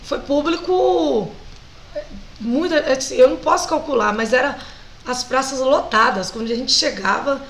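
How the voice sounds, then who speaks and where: Brazilian woman singer, Brazilian accent, a touch high-pitched; lively guest recounting her early career. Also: moderate pace, a little hiss or hum, rough recording. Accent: Brazilian Portuguese. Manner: animated, laughs often while telling stories. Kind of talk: casual storytelling interview.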